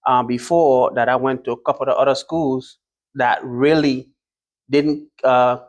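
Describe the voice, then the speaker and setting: A man's voice: mid-range voice, steady tone, measured pace. A man from Liberia answering interview questions as a truck driving school graduate, hesitant, with many fillers and restarts.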